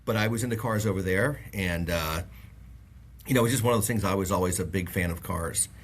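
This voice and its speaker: Low and brisk, this man's voice comes with a little hiss or hum. He's a middle-aged Bahamian auto industry guest on an interview show, casually chatting and telling lengthy, rambling stories with many fillers and restarts.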